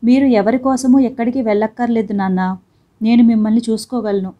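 A woman's voice: a little high, fairly even intonation, brisk, dark tone, lightly acted. A woman reading the part of a stubborn young husband who speaks reproachfully and firmly. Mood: resentful. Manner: sulky, reproachful and firm.

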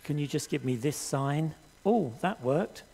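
A man's voice: a little high, animated, measured pace, gravelly, darkish tone, husky, long reverb tail, exaggerated voice. A man preacher voicing a doubtful man who hesitantly bargains with God, asking for sign after sign. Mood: pleading.

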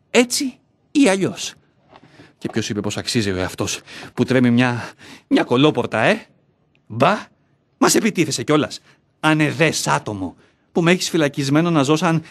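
Brief: male actor as a middle-aged, self-loathing bank clerk in a stage monologue, muttering and quarrelling with himself, pitch swinging widely. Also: fairly bright tone, exaggerated voice. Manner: talks aloud to himself, argues with his own self. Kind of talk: theatrical monologue.

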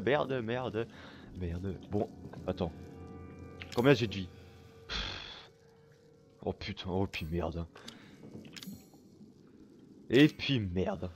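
A man giving casual gameplay commentary while he plays, swearing constantly and breaking into excited outbursts. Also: on the low side. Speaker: let's play gamer.

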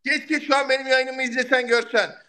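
A man hosting a casual live stream, loud and excitable, shouting thanks for gifts and swearing casually. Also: extremely high pitch, normal speed, slight background noise. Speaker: livestream host.

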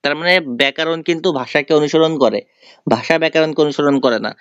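Young guy tutoring fast, repeats every answer, clear smooth voice, dry dull-ish recording. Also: a little high, no echo. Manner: explains step by step, often repeating key answers. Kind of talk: exam-prep lesson. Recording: dry, slightly dull sound.

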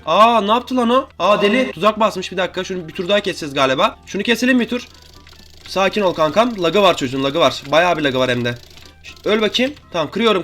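A young man with a high voice rattles off quick, excitable gameplay commentary, chatting to his viewers and teasing opponents as he plays. Keyboard and mouse clicks tap away under his voice. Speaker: gaming youtuber.

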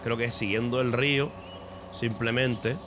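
A man from Spain with a Spanish accent, streaming a game in casual commentary, excitable and swearing, breaking into shouts. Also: mid-range voice, unhurried, noisy background.

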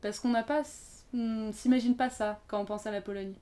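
A woman's voice: fairly high pitch, steady tone, normal speed, warm tone. A woman in her twenties, chatting casually as a podcast guest, talking in loose sentences full of fillers and restarts. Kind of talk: casual conversation.

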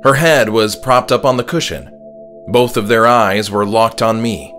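Over background music, an author narrates his own horror audiobook in a dramatic, scripted way. His voice is lowish and a little bright, and he takes his time.

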